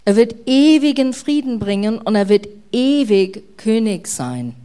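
A woman's voice: on the high side, animated, unhurried, mellow, clear, resonant tone. A middle-aged female pastor giving an earnest, explanatory sermon.

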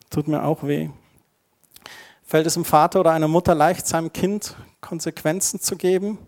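Casting: middle-aged man, pastor giving a chatty sermon, voice sits a bit high. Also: darkish tone. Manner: conversational, asides with tag questions.

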